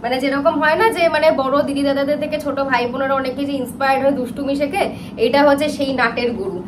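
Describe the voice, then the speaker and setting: A woman vlogging casually from her home, chatting directly to her viewers. Her voice sits fairly high, and she sometimes drops to a hushed tone. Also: fairly even intonation, very fast, background noise. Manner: chatty, addresses viewers directly, drops to hushed talk near sleeping pets. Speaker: vlogger and pet owner. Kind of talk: casual home vlog chat. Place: home indoors.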